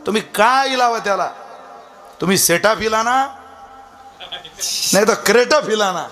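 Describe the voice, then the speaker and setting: A man preaching a kirtan sermon, telling humorous stories between preachy asides and slowly chanted verse. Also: sits high, pushed and bright. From Vidarbha, Maharashtra.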